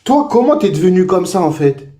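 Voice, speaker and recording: A man's voice: high-pitched, very animated, brisk, dark tone. A man calling into a live stream, talking casually in street slang. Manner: casual, street slang, calls the host brother. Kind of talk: casual debate.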